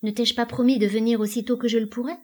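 A woman voicing a calm, mysterious male stranger in a dramatic play reading, low, muted and impassive. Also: fast, natural voice.

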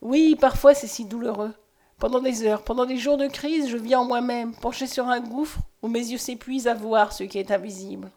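Rich and earnest, a woman voices a tormented man searching for his forgotten past, pleading with quiet intensity. The voice sits a little high for a man, keeping the tone of a storybook reading. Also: fairly even intonation, normal speed, natural voice. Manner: earnest, impassioned. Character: haunted man with lost memory, pleading and intense.

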